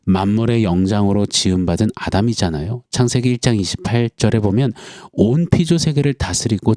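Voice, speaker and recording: A man preaching an earnest dawn sermon as pastor, acting out quoted voices with dramatic pauses. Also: on the low side, mellow, no room sound, clean studio sound.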